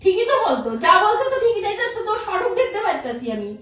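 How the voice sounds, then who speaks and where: Casting: woman, very high lively voice, fast, defensive, echoey room, mic far off. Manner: defensive, arguing back. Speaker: sister-in-law in prank skit. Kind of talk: scripted comedy prank skit. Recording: echoey noisy room from a distance.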